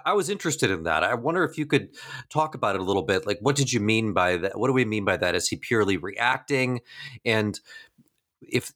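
A man hosting an interview, asking thoughtful questions as he works them out. His voice sits fairly low. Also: fairly bright tone. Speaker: interview host.

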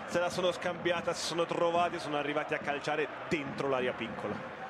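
A man with a high-pitched voice gives analytical football co-commentary, explaining the play. There is clear noise behind him. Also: level tone, a little fast, over a noisy crowd. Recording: clear background noise on broadcast.

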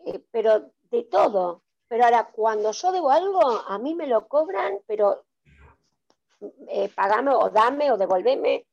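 Rioplatense woman participant, gravelly, hesitant, dull dry line. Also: a little high, sing-song, measured pace, darkish tone. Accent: Rioplatense Spanish. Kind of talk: personal sharing on a call.

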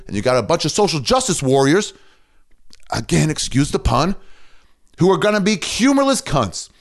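A podcast host in full rant mode, a man cursing freely and getting worked up. His pitch swings all over as he talks, rising and dropping with real animation, and he stands in front of a mirror as he goes. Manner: fired-up, swearing, ranting. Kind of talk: casual profane comedy rant.

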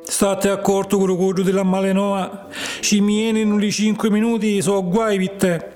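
A defiant little wooden puppet boy, as a male storyteller puts him on, snapping back in a raised, high voice. He sounds impatient and boastful. Faint music runs underneath. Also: flat delivery, measured pace, a little mellow.

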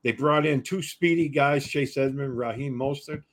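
A man's voice: medium pitch, normal speed. A man giving football analysis on a casual sports show, rambling and filling with "you know".

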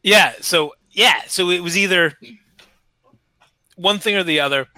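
A man co-hosting a casual podcast chat, explaining things in a meandering, halting way with frequent restarts. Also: high-pitched, bright, forceful tone, no echo. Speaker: podcast co-host.

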